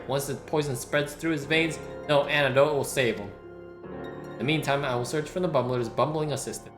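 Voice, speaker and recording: A game streamer reading the lines of a fierce, sharp-tongued middle-aged mother and wife in a brusque, scolding way. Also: mid-range voice, close to an everyday voice. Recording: roomy sound with game music.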